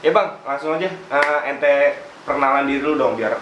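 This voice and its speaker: A man's voice: on the high side, a little fast, fairly bright tone. A man with a Jakarta-area Indonesian accent hosts a casual chat interview, bantering in slang and echoing his guest's answers. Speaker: host. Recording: echoey room with clear background noise.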